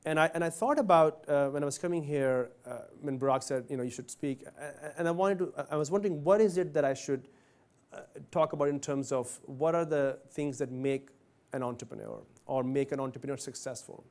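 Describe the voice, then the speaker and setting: A company CEO from Pakistan, in his forties, gives a conversational talk to students in a university event hall and questions the audience directly. He talks a little fast, with a fairly high, slightly mellow voice.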